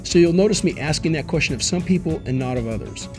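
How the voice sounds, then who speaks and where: A male podcast host speaks in a slightly high, gravelly voice that turns squeaky with a bad cold. He sounds congested as he introduces and questions guests, with music in the recording. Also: animated, quick pace.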